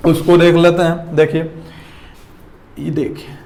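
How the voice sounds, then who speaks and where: A man with a high-pitched voice teaches a classroom lesson. He keeps firing questions at his students, calling them "beta", and answers them himself, with a steady "theek hai" between points. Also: unhurried. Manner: checks in with "theek hai" throughout.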